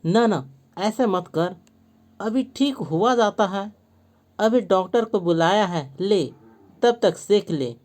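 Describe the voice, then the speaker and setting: A woman's voice: mid-range voice, lively intonation, slow pace, darkish tone. A woman reading out the lines of an anxious mother soothing her sick boy in a school play lesson, in a soothing, coaxing manner. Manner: soothing, coaxing read-aloud. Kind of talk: reading a play aloud for a class.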